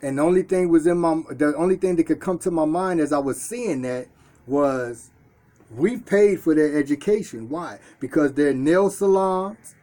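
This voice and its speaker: A man with a mellow voice on the high side stands in the Detroit store he owns, filming himself. He speaks casually and earnestly to the camera, and he often goes back to repeat or restart phrases.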